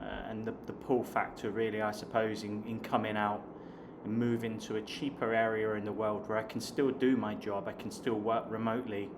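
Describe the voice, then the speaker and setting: Here a man from Hampshire, southern England, aged in his late thirties, speaks at normal speed with a fairly low, level voice and hardly any pauses. He's a chatty online English teacher and vlogger with a southern English accent, casually addressing viewers as "guys" to camera. Background noise is clear in the clip.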